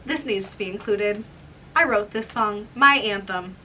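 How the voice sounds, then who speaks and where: With a medium-pitched, sharp-toned voice and a slightly slow pace, this vlogger in her twenties reads her old writing aloud in a casual chat. She's embarrassed and teases herself, captured by a distant mic with room noise.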